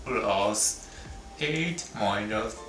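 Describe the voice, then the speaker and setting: A Japanese man in his thirties, a native Japanese speaker chatting in halting English on a couple's vlog and laughing often between words. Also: fairly low pitch, animated, roomy sound, distant mic, over music. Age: 30s. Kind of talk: casual chat.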